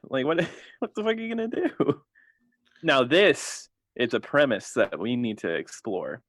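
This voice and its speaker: A man co-hosting a comedy podcast, talking in an excitable, exclaiming way. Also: mid-range voice, measured pace, dry recording, studio quality. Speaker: podcast co-host. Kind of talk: casual comedic chat.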